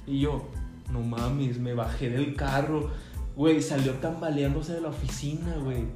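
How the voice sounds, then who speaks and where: Young mexican guy, kinda high voice, laughing through a story, echoey room w/ faint music. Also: normal speed. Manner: slangy, laughing, animated. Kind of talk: casual storytelling.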